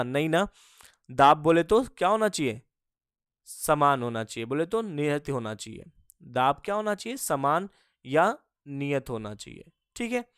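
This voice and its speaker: Teacher going over terms, asks then answers, smooth clear voice, dry close sound. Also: medium pitch, dry recording. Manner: asks a question and answers it, repeating key terms; addresses students as kids. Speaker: physics teacher. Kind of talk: classroom-style lecture.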